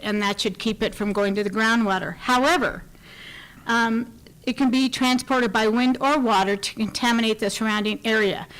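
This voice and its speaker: A woman giving a public comment at a county board meeting, earnest and explanatory, with frequent pauses to search for words. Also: on the high side, low-quality recording.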